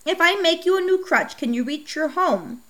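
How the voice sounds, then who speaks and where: A woman's voice: very high-pitched, expressive, normal speed, pitched above the performer's own voice. A woman reading the lines of a clumsy, earnest bridge builder in a storybook, in a voice close to her own. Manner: earnest, shouting orders. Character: clumsy hardworking bridge builder, adult man.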